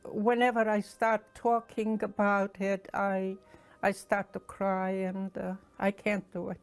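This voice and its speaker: A woman in her eighties speaks in a documentary interview, her testimony halting and emotional. Her voice sits at an ordinary pitch for a woman. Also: level tone, clear, resonant tone. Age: 80s. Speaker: Holocaust survivor interviewee.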